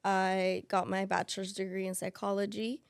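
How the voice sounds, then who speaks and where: A financial aid specialist in her thirties, whose first language is Spanish, speaks thoughtfully in a casual interview, using lots of fillers and restarts. Her gravelly, creaky voice is medium-pitched with little pitch movement and a moderate pace, recorded close and dry.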